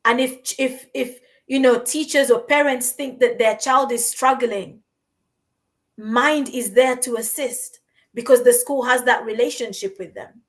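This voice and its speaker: A woman's slightly high voice unfolds at a measured pace on a conversational podcast recorded in London. The host, originally from Uganda, sounds earnest and encouraging and often says her words more than once.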